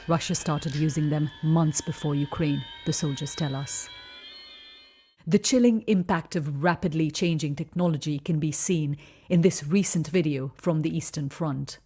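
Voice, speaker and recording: Low-voiced woman war correspondent, grave and measured. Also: mellow, slight background noise. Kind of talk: scripted news report narration with on-location frontline reporting.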